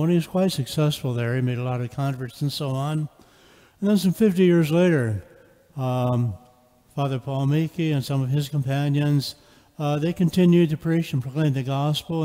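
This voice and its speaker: An older man, a priest, giving an informal homily in a plain, halting storytelling way in a reverberant church. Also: a little high, warm tone. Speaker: priest celebrating Mass. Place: large church, standing in sanctuary.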